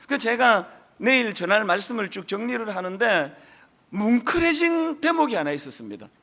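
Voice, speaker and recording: A man's voice: sits high, big pitch swings, moderate pace. A middle-aged man with a strong Gyeongsang accent, preaching a Sunday sermon as senior pastor in an emphatic way, with folksy asides. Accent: Gyeongsang Korean. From Gyeongsang region, South Korea. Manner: emphatic, rising to forceful peaks, folksy asides.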